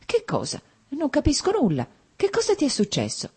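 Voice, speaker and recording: A woman reading a novel aloud, voicing an emotional, impulsive young bride in a breathy voice. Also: exaggerated voice. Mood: alarmed. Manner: high, excitable, quick to alarm. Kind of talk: audiobook character reading.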